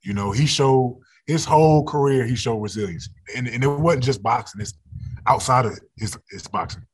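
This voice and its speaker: A man's voice: medium pitch, normal speed, breathy edge. A man in his thirties, a football player as guest, talking candidly in a casual interview, laughing often and restarting his words.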